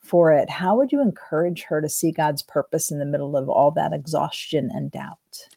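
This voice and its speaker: Low-voiced, gentle woman interviewer. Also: normal speed, vocal fry, husky, no room sound, clean studio sound. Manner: gentle, affirming, frequent soft backchannels. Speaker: host and interviewer. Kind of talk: faith-based interview.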